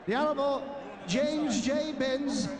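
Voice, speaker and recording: A man working as a boxing ring announcer, projecting formal, ceremonious phrases with long pauses in a large arena. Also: very high-pitched, big-room sound, crowd noise. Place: large indoor sports arena. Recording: noisy arena PA broadcast.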